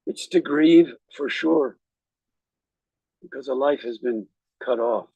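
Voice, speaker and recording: Guy doing a graveside eulogy like a rabbi, gravelly voice, measured and reflective, pretty dry sound. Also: mid-range voice, mellow, no echo, poor audio. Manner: measured, reflective, with deliberate pauses. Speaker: rabbi officiating at a funeral.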